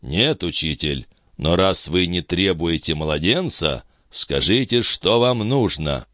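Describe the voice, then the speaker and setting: A man playing a humble male disciple, low subdued voice, respectful and steadfast, audiobook character. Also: expressive, slow pace, a bit bright, dry recording, clean studio sound, heavily acted.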